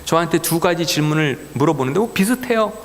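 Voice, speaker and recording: A male pastor telling a story in a sermon at a church retreat, acting out the dialogue in animated voices. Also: a little high, fast talker, in a large hall. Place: church hall.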